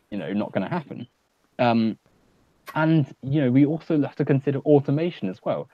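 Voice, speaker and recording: A man's voice: on the low side, dry recording. A man in a casual online hangout, talking earnestly and at length with many fillers. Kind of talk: casual political discussion. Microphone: home computer mic on a video call. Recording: dull lo-fi audio.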